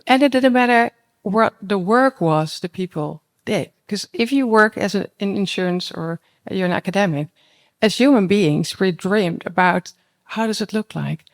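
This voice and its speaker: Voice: mid-range voice, normal speed. A panelist telling of their work in plain, short sentences, engaging listeners with questions. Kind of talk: panel discussion, storytelling.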